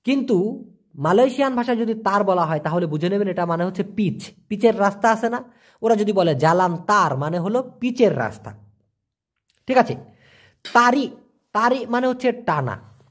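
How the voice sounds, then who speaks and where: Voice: medium pitch, expressive, normal speed, long pauses. Teacher drilling vocabulary. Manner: asks rhetorical questions and repeats words to drill them. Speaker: language teacher. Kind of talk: casual explanatory lesson.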